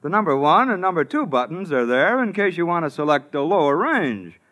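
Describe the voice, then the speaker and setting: A man playing an earnest male car expert in a 1950s radio ad sketch, a straight man giving smooth sales patter. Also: a little high, very animated, fairly quick, fairly bright tone. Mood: selling. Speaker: ad pitchman.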